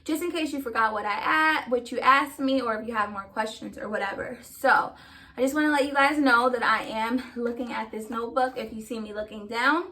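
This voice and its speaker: A woman's voice: on the high side, a little fast, bright, forceful tone. A woman chatting casually to her viewers in an emphatic, sassy, slangy way, a little short of breath. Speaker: vlogger.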